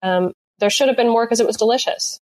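A woman's voice: on the high side, quick pace, darkish tone. Hesitant woman chef chatting casually. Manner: hesitant, lots of ums and restarts. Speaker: chef guest recapping a cooking competition. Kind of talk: casual podcast chat.

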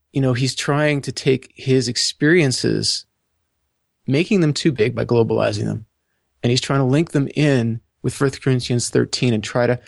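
A man co-hosting a podcast, talking through a book in halting, self-correcting speech and reading passages aloud. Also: mid-range voice, vocal fry, no echo, clean studio sound. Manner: halting, repeats words, reads passages aloud. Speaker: podcast co-host. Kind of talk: casual book discussion.

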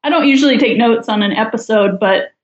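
A woman's voice: a little high, brisk, lo-fi sound. Wry chatty woman on an echoey line. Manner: wry, chatty, judgmental humor. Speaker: podcast guest. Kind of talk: casual chat.

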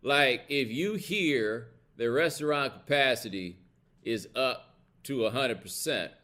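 Slow, pushed and bright, with a mid-range voice and lively intonation, this American man hosts a casual, opinionated livestream of live commentary. He speaks bluntly and colloquially, with emphasis, and checks in with the people listening.

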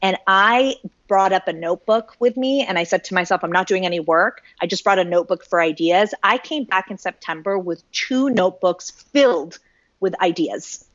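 A woman's voice: mid-range voice, moderate pace, no room sound, lo-fi sound. A woman from Canada giving an interview, talking casually and animatedly, with lots of "like". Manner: animated, uses "like" often. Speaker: guest.

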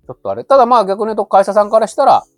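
Male expert, polite explanatory talk, animated intonation, brisk pace, softened by tentative phrasing. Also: high voice, no echo. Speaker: expert guest, labor consultant. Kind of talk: conversational advice. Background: faint music.

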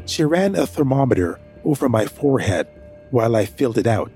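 An actor gives audio drama narration in the first person as a nervous man hiding his sick brother, his dialogue hesitant and anxious though the narration stays steady. His mid-range voice is mellow, brisk and sing-song, with faint music behind.

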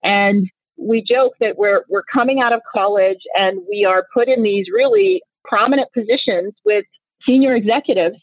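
This woman's voice sits a little high, with lively intonation and a moderate pace. In her thirties, from Nigeria and an Igbo first-language speaker, she's a company founder appearing as an interview guest, answering earnestly and reflectively with many restarts. The sound is dry but tinny, like a phone line.

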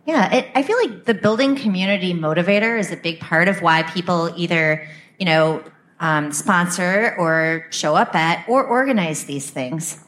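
A woman hosting a casual live podcast interview, speaking in a halting way and often restarting her sentences. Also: fairly low pitch, fairly bright tone. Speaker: podcast host. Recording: live room recording, faint noise.

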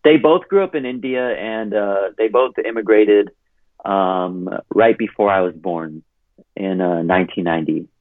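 A Californian man turning thirty speaks as a podcast guest in a lowish, unhurried voice, rambling through a casual interview and saying "like" constantly. The audio, free of echo, comes over a tinny phone line.

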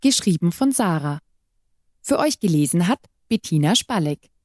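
A woman reading a short story aloud in scripted narration, with a measured, even delivery. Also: lowish voice, no room sound, studio quality. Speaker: reader.

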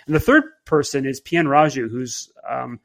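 Speaking at a normal pace with some vocal fry, this podcast host's voice stays in the mid range. His talk is casual and conversational, thoughtful but peppered with fillers and false starts.

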